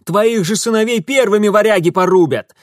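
A man's voice: fairly high pitch, expressive, brisk, a little mellow, no echo, clean studio sound. A man voicing a curt, commanding young man. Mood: angry. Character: brusque young man, decisive and impatient. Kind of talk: audiobook character voice.

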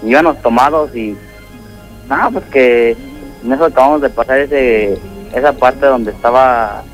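Man, Mexican accent, young adult, radio caller, rambling and halting, fillers everywhere, ghost story telling, faint music behind. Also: mid-range voice, low-quality recording. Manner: rambling, halting, full of "pues" and "¿no?".

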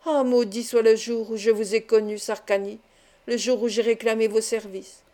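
A ruined banker speaks in a tense, anxious way, as a woman reads him aloud. The voice is fairly high but soft and mellow. It is a storybook reading. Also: little pitch movement, normal speed, close to an everyday voice. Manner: tense, despairing. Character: anxious ruined male banker, middle-aged.

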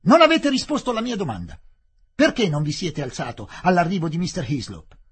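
A man doing an enraged colonial official, husky, loud, swooping high, shouting. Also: huge pitch swings, normal speed, full character voice. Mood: indignant. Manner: shouting in rage. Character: angry senior British official, shouting.

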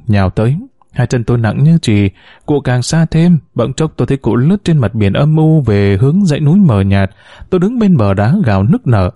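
Mellow, lively male audiobook narrator. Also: mid-range voice, dry recording, clean studio sound. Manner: measured, expressive storytelling. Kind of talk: scripted narration of a novel.

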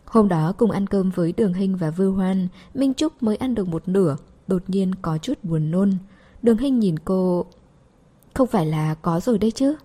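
A woman narrating a romance audiobook in a steady, even storytelling manner. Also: medium pitch, moderate pace, breathy edge.

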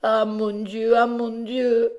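A woman's voice: a little high, little pitch movement, slow, muffled recording, pitched above the performer's own voice. A woman voicing a distraught, grieving man, a rich porter who cries out frantically. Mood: frantic. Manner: frantic shouting exclamations.

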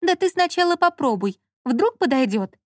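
Женщина в аудиокниге озвучивает молодую капризную обидчивую героиню жалобным высоким голосом. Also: female voice, very animated, normal speed, no echo, studio quality. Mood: coaxing. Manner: plaintive, pouting, high-pitched. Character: young woman Lola, fussy, whiny and touchy. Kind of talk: audiobook character reading.

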